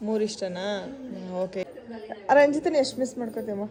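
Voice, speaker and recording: A woman's voice: on the high side, expressive, a little fast. A woman vlogging at a family wedding, teasing her relatives, laughing often and coaxing them to cry. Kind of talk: casual handheld chat. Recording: loud crowd around. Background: wedding guests chatting.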